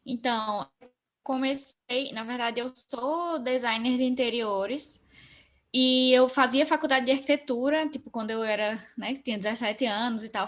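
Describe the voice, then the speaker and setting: Chatty woman, fairly high. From Northeast Brazil. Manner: relaxed, talkative, frequent fillers. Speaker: guest. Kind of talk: casual interview chat.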